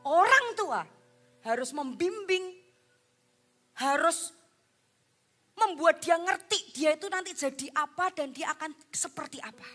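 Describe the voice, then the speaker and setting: A woman pastor preaching a lively sermon in church, sometimes acting out parents' words and dropping to a soft near-whisper. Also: very high voice, measured pace, pauses often. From Indonesia. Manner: animated preaching, acts out parent and child voices. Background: background music.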